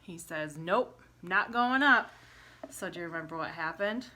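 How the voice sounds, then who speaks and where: Retelling a story with props for little children, a woman teacher keeps things simple, questions her listener, and acts out exclamations in a lively way. Her voice sits on the low side, and she speaks at a measured pace.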